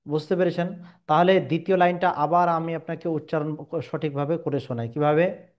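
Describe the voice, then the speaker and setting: A man's voice: on the high side, fairly even intonation, moderate pace, darkish tone. A man teaching Quran pronunciation step by step, patiently repeating each letter sound and stretching the vowels.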